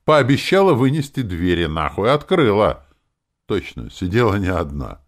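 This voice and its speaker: A man's voice: on the low side, sing-song, normal speed, voice pushed up. A man reading an audiobook voices a brash, foul-mouthed female demon who talks in a sly, mocking, swaggering way. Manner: sarcastic, swaggering, swears freely.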